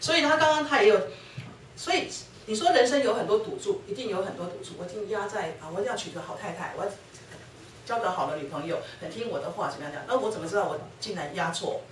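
A middle-aged woman gives a church testimony at a brisk pace, acting out each exchange she recalls. She sounds set back from the microphone, and the hall around her is roomy and echoing. A faint hiss sits under her voice. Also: mid-range voice. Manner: storytelling, acting out quoted dialogue. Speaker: guest speaker sharing her testimony with her husband. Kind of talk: personal testimony talk at a church lecture. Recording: roomy hall, distant mic, faint noise.

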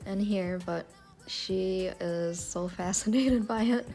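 A woman's voice: mid-range voice, slow pace, gravelly, warm tone, faint music behind. A woman vlogger chatting casually to her viewers in a voice-over about cleaning her home, often calling them "you guys".

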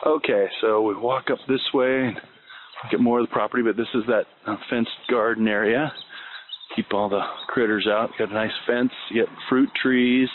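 With a mid-range voice, fairly even intonation and normal speed, a man leads a walkthrough of a house and its grounds as a real estate agent. His delivery is unhurried and plain, with many fillers. The handheld camera mic yields thin, phone-like audio with faint noise.

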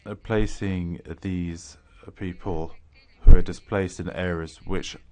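A man giving simultaneous interpretation into English at a policy briefing, speaking in a measured way with frequent hesitations and restarts. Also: low voice, steady tone, mellow. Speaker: conference interpreter.

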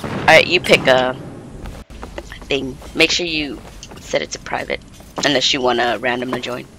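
A man's voice: mid-range voice, fairly even intonation, normal speed, creaky, background noise. A man streaming a co-op game, chatting casually and explaining settings to a friend. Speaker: gamer streaming co-op play. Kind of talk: casual gaming chat.

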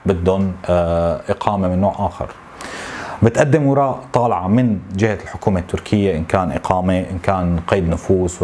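A man in his thirties with a Syrian Arabic accent, venting to camera in a frustrated, complaining way, with halting repetitions. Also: deep voice, a little mellow, slight background noise. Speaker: tech YouTuber. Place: small home office, indoors.

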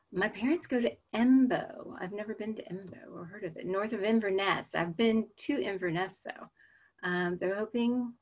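A husky, mid-range voice belongs to a webinar presenter in her forties with an American accent. Captured on a webcam, she makes casual conversation before the start and reads out answers from the audience.

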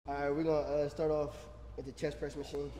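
Far from the camera standing across the big indoor gym, the young vlogger talks through his chest workout between sets, relaxed and full of slang. His voice is a little high and a little fast, with little pitch movement, buried in heavy background noise and echo.

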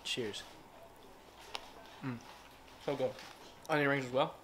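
Casting: young male fitness vlogger, slangy and relaxed, mid-range voice, phone-camera talk. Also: medium pitch, slow pace, noisy background. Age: 20s. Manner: laid-back and slangy, upbeat. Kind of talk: casual vlog talk to camera. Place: car, restaurant and home kitchen.

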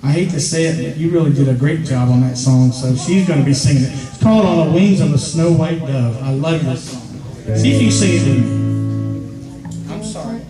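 A man's voice: fairly high pitch, fairly quick. A middle-aged man hosting a live gig, joking and rambling between songs into a stand mic. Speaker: gig host and guitarist. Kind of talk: casual stage banter between songs. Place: stage in a large, echoing room at a gospel venue. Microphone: stand mic, heard through the PA from a distant camera. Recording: echoey, distant live room recording. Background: guitar playing and audience chatter.

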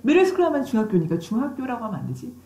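A woman teacher leads an English vocabulary lesson, drilling words with call-and-repeat cues and tossing playful questions at her class. Her voice sits fairly high and swings up and down a lot, and the classroom around her is echoey. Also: sing-song, quick pace, mellow. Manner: playful, teasing questions to students.

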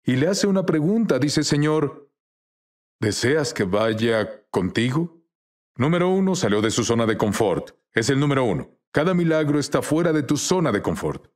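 A man's voice: fairly high pitch, very animated, a little fast, hardly any pauses, a little mellow. Earnest man telling faith stories. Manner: earnest storytelling with quoted dialogue. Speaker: guest minister. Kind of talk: dubbed testimony interview.

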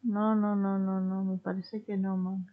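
Young Rioplatense woman streamer, easygoing running commentary, middle pitch, slightly dull sound. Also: level tone, a little slow. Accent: Rioplatense Spanish. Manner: chatty, talks to herself and the game characters. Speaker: gaming streamer. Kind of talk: casual gameplay commentary.

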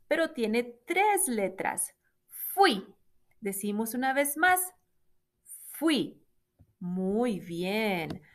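A woman teaching a children's phonics lesson, stretching out syllables slowly for young learners to repeat. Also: mid-range voice.

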